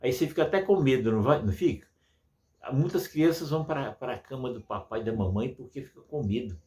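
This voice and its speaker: A man's voice: mid-range voice, a little fast, warm tone. A man teaching music to children, patient and full of diminutives, imitating sounds as he explains.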